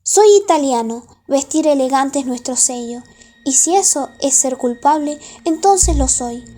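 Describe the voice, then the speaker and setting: A woman's voice: high-pitched, measured pace, warm tone. A woman playing a proud, defensive Italian male business owner in a formal, wordy radio play style. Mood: agitated, defensive. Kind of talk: amateur radio play acting.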